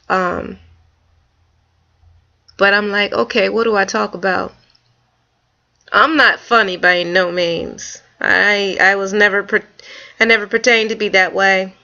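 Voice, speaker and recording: A woman vlogger telling a story in a casual, animated, folksy way. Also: medium pitch, vocal fry. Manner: animated, folksy storytelling with Southern-leaning speech. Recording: dull lo-fi home video.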